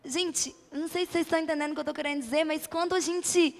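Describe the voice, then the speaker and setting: Rapid-fire yet steady in tone, a high-voiced bishop with a Brazilian accent preaches with passion at a youth event before her congregation. She relies on rhetorical questions and repeating short phrases, her words ringing with the long reverb of a large hall.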